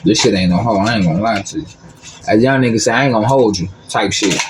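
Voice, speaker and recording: A man's voice: on the low side, fast, background noise. A middle-aged man, talking casually to viewers on a livestream in loose, rambling street slang. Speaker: livestream host.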